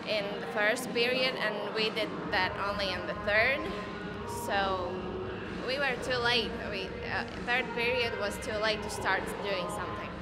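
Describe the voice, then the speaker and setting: A woman's voice: mid-range voice, a little slow, heavy background noise. A young woman with a Latvian accent, a floorball player answering post-game interview questions in English, hesitant with many fillers. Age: young adult. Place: indoor arena by a sponsor backdrop. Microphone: handheld mic.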